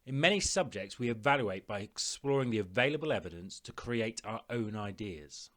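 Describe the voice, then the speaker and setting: A man delivering a recorded classroom lesson in a clear, instructive way. His pitch moves a lot, rising and falling as he talks pupils through each step. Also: animated, moderate pace, a bit bright. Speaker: teacher.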